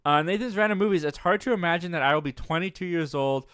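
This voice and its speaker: A man's voice: fairly high pitch, fast talker, fairly bright tone, smooth, no room sound, studio quality. A man in his twenties hosting a live movie show, chatting casually as he reads viewer comments and often laughing at his own jokes. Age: 20s.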